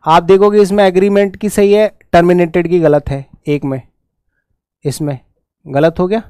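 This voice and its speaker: A man with a Hindi accent runs a brisk exam-prep English lesson, urging students to answer quickly. His voice sits high and sounds smooth and clear. It is recorded dry and close, with no room sound. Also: fairly even intonation, darkish tone, no room sound. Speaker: English teacher.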